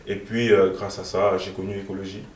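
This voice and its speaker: Young guy, lowish voice, lots of ums, sounds far off in an echoey room. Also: flat delivery, brisk, darkish tone, slight background noise. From moved to Belgium in 2013. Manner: hesitant, many fillers. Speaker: guest, youth party co-president. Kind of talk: interview answers.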